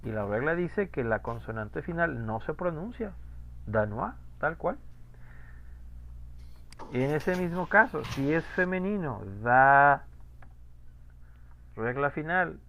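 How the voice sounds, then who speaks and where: A man's voice: on the high side, expressive, a little slow, a bit bright, a little hiss or hum. A man teaching French pronunciation in an online class, patiently repeating rules and asking students questions.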